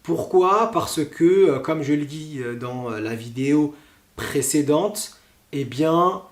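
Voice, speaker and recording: A French-accented man gives a pronunciation lesson in a slow, careful way, pausing often to find his words. His voice sits a little high for a man. The room adds a clear echo around him. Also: expressive. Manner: slow, deliberate, with frequent hesitations. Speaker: French teacher.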